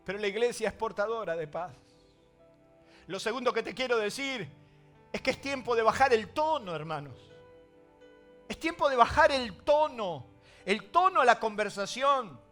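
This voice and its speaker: A man with a Rioplatense Spanish accent preaching a sermon as pastor, swinging between loud emphasis and hushed asides. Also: very high voice, expressive, moderate pace, long pauses, faint music behind.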